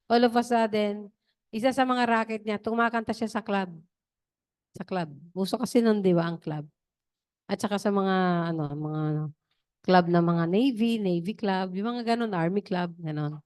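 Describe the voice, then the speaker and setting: Smooth-voiced woman preacher. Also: mid-range voice, moderate pace, a little mellow. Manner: digressive, chatty storytelling. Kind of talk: testimony during an online worship service.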